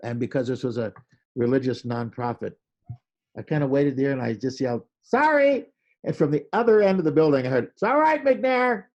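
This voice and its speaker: Gravelly lively male storyteller. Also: medium pitch, quick pace, lo-fi sound. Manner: animated storyteller, acts out quoted lines loudly. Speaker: podcast guest, creativity speaker. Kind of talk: casual storytelling interview.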